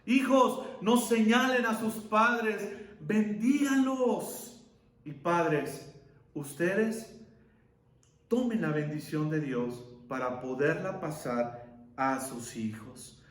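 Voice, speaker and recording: Man, pastor, sermon, high voice, echoey hall. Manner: preaching with rhetorical questions and dramatic pauses.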